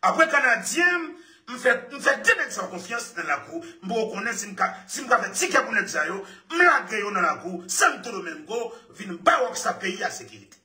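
Animated man, echoey room. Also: sits high, moderate pace. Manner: laughs often, repeats phrases. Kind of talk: excited casual talk. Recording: echoey room, far from mic.

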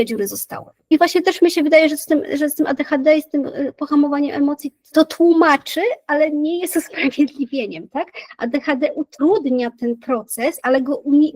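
Woman psychologist, high voice, dry close sound, casual and thoughtful, lots of fillers. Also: a little mellow, no echo, poor audio. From Poland. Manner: thoughtful, many fillers and restarts. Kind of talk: casual explanatory chat.

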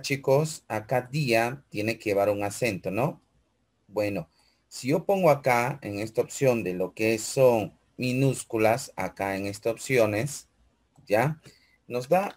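A man's voice: mid-range voice, darkish tone. A man teaching a computer class, talking the students through each step and often checking in with them. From Peru. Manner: walks through steps aloud, keeps checking with "¿ve?" and "chicos"; asks questions in a student's voice, then answers them. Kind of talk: screen-recorded computer class.

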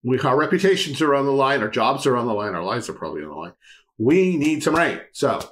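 A man's voice: deep voice, normal speed, gravelly, pitched below the performer's own voice. A man voicing desperate male pagan priests who demand and plead with their god.

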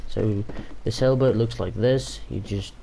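Unhurried and warm, a young Afrikaans-speaking gaming YouTuber chats over gameplay in a low voice with vocal fry and fairly even intonation. He tends to ramble, often restarting and filling gaps, while a little hiss or hum sits in the background.

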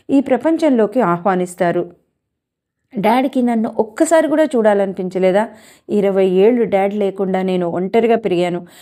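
A woman's voice: medium pitch, warm tone, lightly acted. A woman reading the part of a young woman who earnestly speaks about the father who left her.

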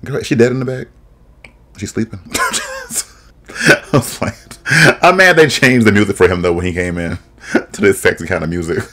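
A man's voice: lowish voice, wildly swooping pitch, moderate pace, a bit bright. Sassy man reacting with shady jokes. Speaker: reaction video host. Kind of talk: casual reaction commentary. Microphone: desk microphone, webcam.

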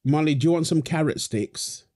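A voice actor with a mellow voice on the high side, lightly acted at normal speed, portrays a young father feeding his baby girl. He teases her playfully and affectionately, laughing often, in a wholesome audio roleplay.

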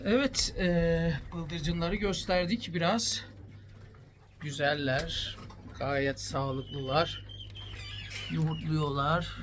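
A man's voice: on the high side, very slow, long pauses. Man cooing over his birds. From Turkey. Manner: fond, soothing, talks to the birds. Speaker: quail keeper showing his birds. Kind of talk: casual vlog. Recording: noisy with bird sounds. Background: cooing birds, pigeons.

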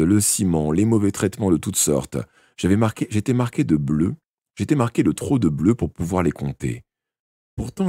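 A man's voice: very deep voice, mellow, no room sound, studio quality. A man reading a detective novel aloud live, narrating expressively in the first person and now and then correcting a slip. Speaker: audiobook reader. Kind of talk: live unedited audiobook reading.

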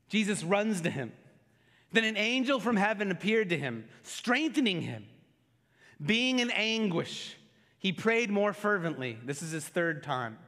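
Man, pastor, sermon, high voice, casual retelling of scripture, intense then hushed, church hall reverb. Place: church sanctuary.

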